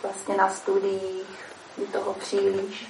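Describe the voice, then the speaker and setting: Gravelly woman explaining in an echoey room. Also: mid-range voice, monotone. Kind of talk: calm explanatory talk. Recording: echoey room, mic far off, faint noise.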